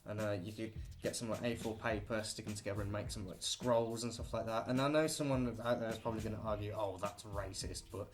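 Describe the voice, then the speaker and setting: A man's voice: on the low side, fairly even intonation, fast, few pauses. A young British man talking through a list of things to do at home, rambling and jokey with offhand asides. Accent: British English. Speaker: vlogger. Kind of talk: casual listicle monologue.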